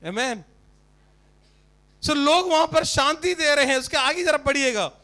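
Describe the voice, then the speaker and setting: High, bright-voiced fervent male preacher. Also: expressive, a little slow. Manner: fervent preaching, rises to shouts; asks the congregation questions. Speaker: pastor. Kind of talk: sermon.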